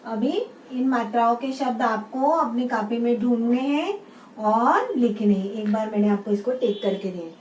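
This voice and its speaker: A woman schoolteacher with a high voice leads young children through a lesson. She says each word slowly, repeats it, and keeps asking the class to say it back. The sound is roomy and distant, as if the mic sits well away from her. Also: lively intonation, darkish tone. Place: room with a writing board. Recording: roomy sound, mic set far off, faint background hum.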